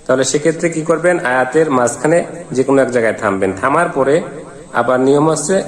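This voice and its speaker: A man's voice: mid-range voice, fast. A man leads a Quran reading lesson in an ordinary mid-range voice, sounding out each letter and vowel mark with patient, instructive care. His voice rings in an echoey space with a long hall tail. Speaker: Quran teacher. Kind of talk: step-by-step recitation lesson.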